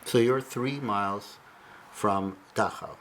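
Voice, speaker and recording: Low-voiced male interviewer, measured questions. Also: a bit bright, slight background noise.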